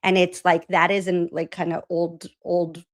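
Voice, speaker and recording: Speaking at a normal speed in a fairly low, level voice, this host from Massachusetts runs a political commentary show. Her manner is chatty, sarcastic and incredulous, with frequent laughter.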